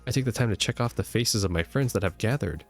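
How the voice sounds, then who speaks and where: A man with a fairly low voice plays a story game. He mixes casual commentary with reading the on-screen narration aloud, over soft game music. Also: fast talker. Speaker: let's play streamer.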